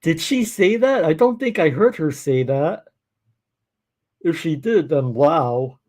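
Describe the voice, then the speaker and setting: A man's voice: fairly high pitch, takes it slowly. Man casually commenting on a live stream. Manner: relaxed, wry remarks to chat. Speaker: streamer reacting to police videos.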